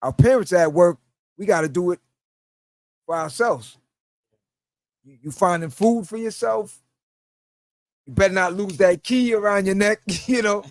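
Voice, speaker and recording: Speaking at a measured pace with frequent pauses, a high-pitched middle-aged man from New York tells laid-back stories on his podcast. He laughs as he talks and imitates the voices he quotes, with no echo in the recording.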